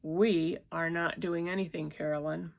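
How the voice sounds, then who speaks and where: A woman's voice: deep voice, steady tone, measured pace, vocal fry. A woman voicing a frightened young man who answers firmly and insistently.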